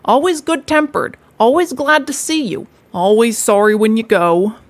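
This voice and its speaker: A hearty, good-natured water rat, as a woman puts him on, brisk and sure of himself. He speaks with emphatic cheer, and his voice is a touch louder than the narration around him. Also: on the high side, close to an everyday voice. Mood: cheerful. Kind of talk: storybook read-aloud.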